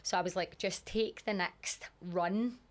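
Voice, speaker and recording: A Scottish woman co-hosting a podcast, telling a story in a casual, animated way and swearing freely. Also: fairly low pitch, measured pace. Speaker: podcast co-host. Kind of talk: casual chat.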